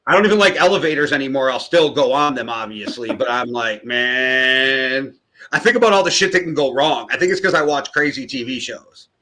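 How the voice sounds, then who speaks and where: Bright-toned Midwestern man telling stories. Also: mid-range voice, a little fast. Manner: chatty storyteller, casual swearing. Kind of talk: casual chat.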